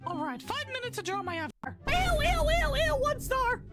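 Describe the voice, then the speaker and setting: A shrill, squeaky cartoon Mickey Mouse. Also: male voice, very animated, normal speed, over music. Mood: excitable. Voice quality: shrill falsetto, frantic shrieks. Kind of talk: animated cartoon voice acting.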